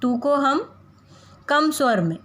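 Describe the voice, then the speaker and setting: A woman teaching young children a Hindi lesson, saying example words slowly and deliberately so they can repeat after her. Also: sits high, expressive, a bit bright. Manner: slow, carefully drawn-out pronunciation of example words. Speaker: primary school Hindi teacher.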